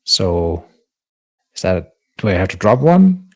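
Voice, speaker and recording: A man's voice: low voice, very animated, slow pace. A man playing in a tabletop game, talking casually and hesitantly, repeating words as he thinks. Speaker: player.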